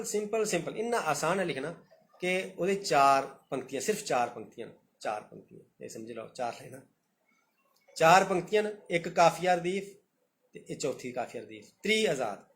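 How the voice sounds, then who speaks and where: A man with a Dogri accent speaks somewhat higher than most men. He teaches in a loose, talky way and keeps repeating his points. When he recites verse he slows right down. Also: fairly bright tone. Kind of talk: live-streamed talk on poetry.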